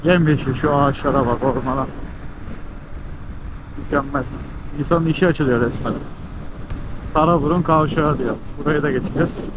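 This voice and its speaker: A man's voice: fairly high pitch, normal speed, pauses often. A man from Turkey chats casually and upbeat as a motovlogger, speaking slightly muffled from inside a helmet while riding outdoors. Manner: upbeat, talking to viewers and to his bike. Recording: wind and engine noise over helmet mic. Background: wind and vehicle noise.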